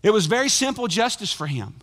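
A middle-aged pastor, preaching a sermon that swings between loud emphatic bursts and hushed, intense asides. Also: male voice, sits high, big pitch swings, brisk, in a large hall.

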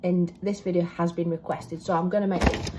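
A young woman cooking vlogger chats casually in a home kitchen, rambling into a phone camera propped close that moves around, with kitchen noise in the background. Her fairly low voice is flat and a little fast, full of fillers and self-corrections in this cook-along chat.

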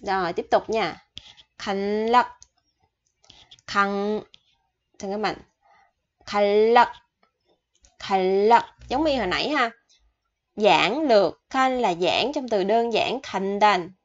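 Slow, chatty woman teaching vocabulary. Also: medium pitch, expressive. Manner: chatty, repeats each word slowly then explains. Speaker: Korean language teacher. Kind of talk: vocabulary lesson. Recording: dull lo-fi recording.

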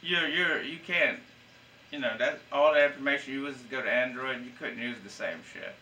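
Cursing rambling guy on a podcast, real bright sharp voice, bit far from the mic. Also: mid-range voice, fairly quick, a little hiss or hum. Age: 30s. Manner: profane, rambling storyteller. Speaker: podcast host. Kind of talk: casual chat.

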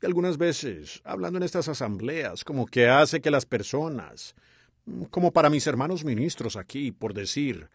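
A man voicing over a sermon as a dub, with a lively, expressive delivery. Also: mid-range voice, moderate pace, slightly rough, dry recording. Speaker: sermon interpreter.

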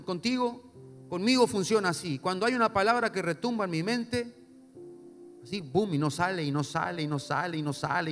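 A male pastor preaching a sermon, swinging between soft low asides and loud emphatic repetition. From Paraguay. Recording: long hall reverb with faint music.

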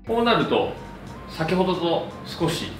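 His voice sits on the high side, swings widely in pitch, and moves a little slowly. He's a hairdresser in his thirties presenting a cheerful, friendly instructional hair tutorial to camera, one step at a time. The recording has a roomy echo from a distant mic, with music in the background.

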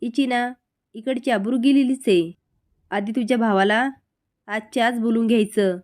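A harsh, blunt middle-aged matriarch who scolds with open contempt, as a woman reads her lines aloud. The voice sits a little high, and the talk is rustic and cutting. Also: a little mellow, natural voice.

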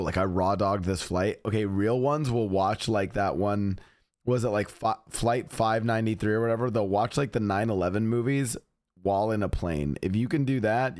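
A man's voice: on the low side, moderate pace, no room sound, studio quality. A young man streaming, reacting to clips and bantering with chat in a joking, profane way.

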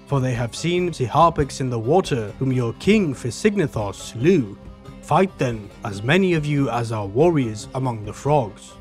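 A man's voice: mid-range voice, lively intonation, unhurried, a little mellow, faint music behind, close to an everyday voice. A man voicing a stern male mouse herald in a storybook retelling, with grand, formal recitation.

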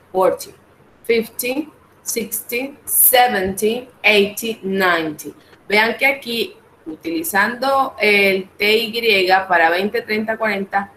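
Woman, patient online teacher, mid pitch, talks through each step and calls on students, faint noise behind her. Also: fairly bright tone, low-quality recording. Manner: patient, explains step by step, asks students to answer. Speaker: English teacher. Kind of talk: online class teaching in Spanish.

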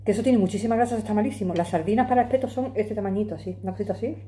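A Madrid woman in her forties talks very fast in a mellow, medium-pitched voice. She's vlogging in her home kitchen, eating as she chats to a phone camera on the table, emphatic and chatty and talking with her hands.

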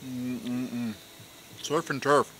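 A man's voice: mid-range voice, steady tone, drawn-out words, noisy background. A man vlogging outdoors at his campsite, chatting casually while he eats, rambling with fillers and trailing off. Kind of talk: casual chat while eating.

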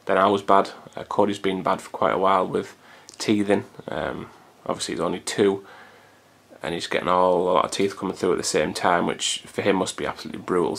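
A vlogger in his thirties chats casually to his camcorder's built-in mic in a hot room at home, rambling loosely. His deep, low voice has a gravelly fry yet a fairly bright tone, and he swears now and then in an easy, everyday way.

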